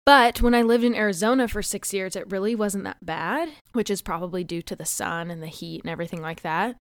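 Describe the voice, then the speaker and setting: A woman's voice: mid-range voice, fairly quick, no room sound, studio quality. A young woman host chatting casually on her solo podcast, a bit stuffy and winded, rambling and laughing at herself. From United States.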